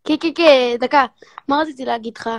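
A woman calling into a livestream for casual, teasing chat, often searching for her words. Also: high-pitched. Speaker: caller on a livestream.

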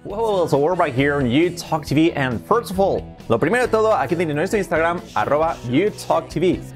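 A man with a Spain Spanish accent, teaching English pronunciation in a casual video lesson and drawing words out slowly to drill sounds. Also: fairly high pitch, animated, faint music behind. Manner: slow, exaggerated pronunciation drills.

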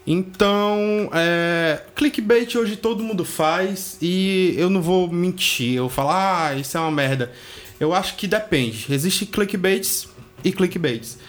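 A man's voice: high-pitched, slow pace. A man, co-hosting a podcast in casual chat, blunt and swearing freely as he thinks aloud. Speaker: podcast co-host. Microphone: studio microphone.

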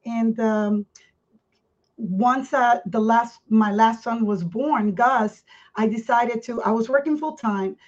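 A Puerto Rican woman in her 50s, her voice set a little high, shares her personal life story as a podcast guest. She's candid and earnest, circling back and restarting phrases haltingly, and the sound is muffled and dull.

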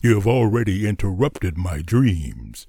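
Man putting on a lion king, lowered voice, grand and slow, dry close sound. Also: very animated, dark tone, husky, no echo, heavily acted. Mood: menacing. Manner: deep, slow, grand and regal. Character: big hungry male lion, king of jungle.

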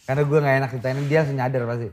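A man's voice: mid-range voice, steady tone, rapid-fire, a little mellow, a little hiss or hum. A man guest in a casual chat, talking crudely and playfully, swearing often.

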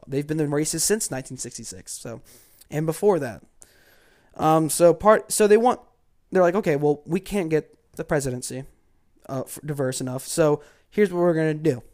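A man from Georgia ranting about politics in a casual, sarcastic and mocking way, dropping to mutters and then flaring up. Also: mid-range voice. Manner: sarcastic and mocking, swinging from mutters to loud outbursts. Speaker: political commentator.

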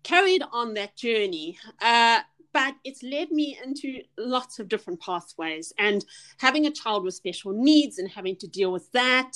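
Animated and fairly bright in tone, this woman's voice sits a little high and moves at normal speed. She's a middle-aged personal trainer and motivational speaker with a South African accent, chatting earnestly as a podcast guest in a casual interview, often restarting and using fillers.

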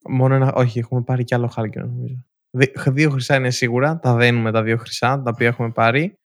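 A young man co-hosting a casual podcast chat, telling stories with animated bursts and rising excitement. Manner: animated storytelling, rising pitch when excited. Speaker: podcast co-host.

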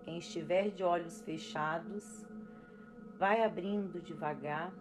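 A Brazilian woman calmly leading a guided breathing and relaxation exercise with unhurried pauses, as an instructor. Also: lowish voice, poor audio. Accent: Brazilian Portuguese. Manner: slow, calm, instructing with pauses. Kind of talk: guided relaxation for expectant parents. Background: music.

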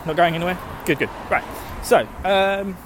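Essex guy w/ estuary accent, bit higher voice, lazy slurry diction, rambling sweary jokey chat, noisy outdoor phone recording. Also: normal speed. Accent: Essex, Estuary English. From Essex, England. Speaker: host of a gaming let's play show. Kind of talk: casual chat, rambling to listeners. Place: outdoors, walking, urban surroundings. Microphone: handheld phone.

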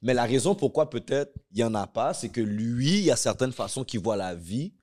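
Male podcast host, lively, probing delivery. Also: mid-range voice, fairly quick. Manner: probing, teasing questions. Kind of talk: casual banter.

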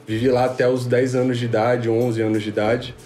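Podcast guest: twenties, from Rio, laid-back slangy storyteller, echoey room. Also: male voice, mid-range voice, level tone, brisk, a little mellow. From Rio de Janeiro, Brazil. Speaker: podcast guest, music producer. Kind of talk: casual chat. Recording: roomy, faint background noise.

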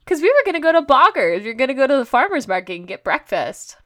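Lively, animated woman podcast co-host. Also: high voice, quick pace, no room sound, studio quality. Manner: animated, laughs often, quotes herself. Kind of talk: casual storytelling chat.

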